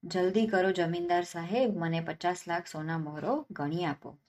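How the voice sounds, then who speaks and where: A clever, penniless young man from a spoken folk tale, as a woman reads him. He sounds cheeky and sure of himself, turning every question back, lower-pitched. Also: steady tone, moderate pace, a little mellow, lightly acted. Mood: sly. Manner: cheeky, confident, answers questions with questions.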